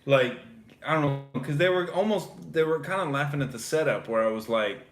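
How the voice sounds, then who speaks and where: A man's voice: a little high, fairly quick, reverberant. A man hosting a stream in casual chat, laid-back and self-critiquing. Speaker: stream host.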